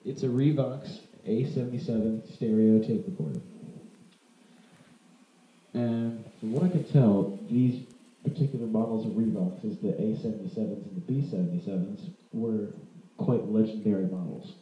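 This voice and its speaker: A man with a fairly low voice, speaking at a normal speed, gives a casual, unscripted demonstration of vintage audio gear as a vlogger in an indoor room. Like a hobbyist, he rambles informally and corrects himself along the way, and the home recording sounds roomy and slightly muffled.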